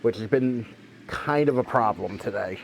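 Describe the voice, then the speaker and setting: A male streamer with a sore throat from a cold rambles and swears as he plays. He talks through a headset mic at a middling pitch. There is a faint hiss behind him. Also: normal speed, vocal fry. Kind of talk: casual gameplay commentary.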